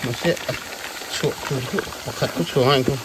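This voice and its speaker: A man's voice: mid-range voice, moderate pace. Man calling out over running water. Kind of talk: casual chat while out in the field. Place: outdoors near water. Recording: noisy outdoor recording, running water.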